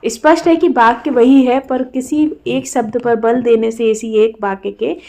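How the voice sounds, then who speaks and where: A woman's voice: on the high side, steady tone, measured pace, dark tone. Woman reading out a lecture. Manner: reads a prepared answer steadily, acts out example sentences with stress. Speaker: teacher. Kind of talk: exam-answer lecture, read aloud.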